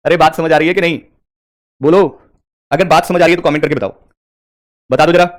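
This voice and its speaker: Man, online tutor, fast delivery, addresses students directly. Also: a little high, fairly even intonation. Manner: brisk, talks straight to students, mixes English terms into his teaching. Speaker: reasoning teacher for bank exams. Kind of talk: live online class.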